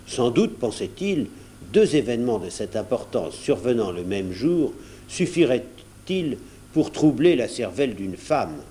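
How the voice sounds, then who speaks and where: Man, audiobook narrator, storybook reading, animated pitch, mellow, slight background hiss. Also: a little slow. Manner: expressive, varied storytelling delivery. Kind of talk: storybook read aloud from cassette.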